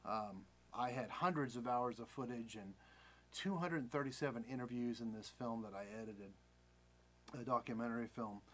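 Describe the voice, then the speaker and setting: A man in his forties with an American accent and an average-pitched voice talks casually about his own life. He is candid and rambling, repeating himself and correcting details as he goes. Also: moderate pace. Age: 40s. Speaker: vlogger. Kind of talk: casual personal storytelling.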